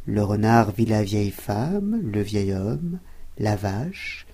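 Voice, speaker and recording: Low husky woman reading a bedtime story. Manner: slow, expressive storybook narration.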